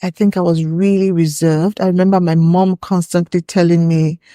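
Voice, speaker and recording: In a relaxed interview chat, this podcast guest from Nigeria looks back on her past with a Nigerian accent, reminiscing at an easy, reflective pace. Her voice is fairly low and mellow with a flat delivery at moderate speed. The studio recording is clean, with no room sound.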